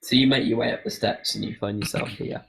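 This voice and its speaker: Guy game mastering a tabletop rpg, kinda halting and chatty, lots of vocal fry. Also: medium pitch, fairly even intonation, fairly bright tone, poor audio. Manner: halting, conversational. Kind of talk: improvised tabletop game narration.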